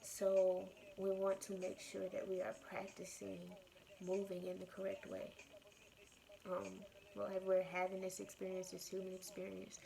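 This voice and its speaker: Creaky-voiced woman musing in a flat tone. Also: mid-range voice, moderate pace, slight background noise, poor audio. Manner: earnest, repetitive, meandering with trailing phrases. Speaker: spiritual self-love podcast or vlog host. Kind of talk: casual reflective monologue to followers.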